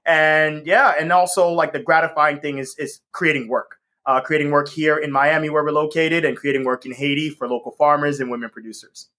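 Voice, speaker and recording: A man from the US Northeast, a company co-founder, chats enthusiastically as an interview guest, laughing often and saying "um" a lot. His voice is fairly high and bright, with a steady, forceful tone, and he talks fairly quickly with few pauses. It's a casual interview conversation.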